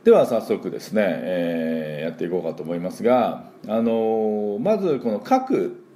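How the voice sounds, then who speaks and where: Deep, lively-voiced man teaching English. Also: moderate pace. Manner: chatty, filler-heavy, models pronunciation aloud. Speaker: English teacher and school principal. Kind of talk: casual spoken radio lesson.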